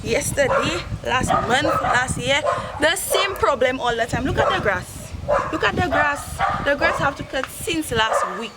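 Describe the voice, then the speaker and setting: A woman's voice: high-pitched, expressive, measured pace. Woman playing a fed-up Saint Lucian wife, noisy yard. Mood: exasperated. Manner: emphatic, repetitive complaining. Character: exasperated nagging wife, fed up with lazy husband. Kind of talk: improvised parody news interview. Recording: very noisy outdoor yard, birds.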